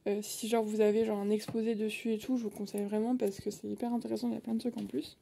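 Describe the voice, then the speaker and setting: A young woman vlogger does a casual bookshelf tour at home, speaking into her phone in a chatty way crowded with hesitation fillers. Her voice is a little high with vocal fry and little pitch movement, her pace is quick, and the background is noisy.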